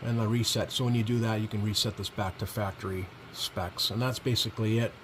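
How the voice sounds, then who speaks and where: This product reviewer has a lowish voice and talks fairly quickly while casually demonstrating gear. His manner is informal and tentative, as if he's working things out aloud while operating the controls, over clear, steady background noise.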